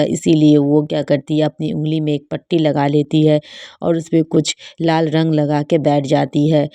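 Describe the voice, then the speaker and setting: A woman narrating a scripted bedtime story for children in a flat, even reading manner. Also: low voice, dry recording.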